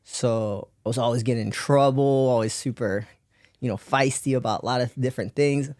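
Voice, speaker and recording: A man's voice: medium pitch, steady tone, brisk, a little mellow, no room sound, studio quality. A man raised in Belgium, a podcast guest telling his life story in casual rambling talk with many fillers and frequent laughs.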